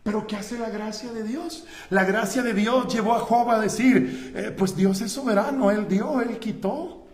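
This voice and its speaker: A man, a pastor, preaching a sermon from the pulpit, swinging between shouting and hushed tones and often calling out to his listeners as brothers. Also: sits high, measured pace, echoey room. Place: church pulpit.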